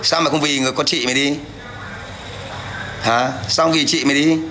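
A man's voice: a little high, steady tone, a little fast, background noise. A man ranting aggressively on a livestream, taunting and coarse as he addresses viewers and an absent rival. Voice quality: gravelly. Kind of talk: livestream rant.

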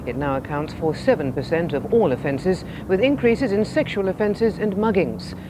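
A male newsreader with a slightly higher-than-usual voice delivers the bulletin in a steady, measured way. The sound comes from a worn VHS tape copy, with a faint hiss and low rumble running underneath. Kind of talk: formal news bulletin reading.

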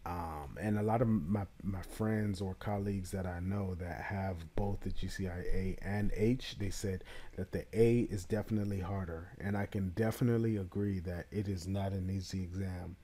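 Sitting low in pitch, a young man talks at a moderate pace with a little hiss or hum in the background. Addressing the camera casually, he gives a relaxed, chatty review of a certification exam, full of filler words.

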